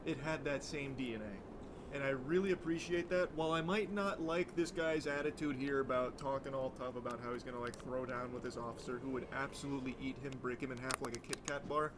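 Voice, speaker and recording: A man's voice: mid-range voice, fairly even intonation, brisk, noisy background. A man casually commentating on a video clip in a chatty, mocking, profane way.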